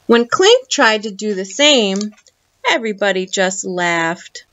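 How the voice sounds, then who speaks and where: A woman reads a children's picture book aloud at an unhurried pace, her fairly high voice rising and falling with lively expression. The sound is dull and muffled, as from a lo-fi home recording. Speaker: library storytime reader. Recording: muffled lo-fi audio.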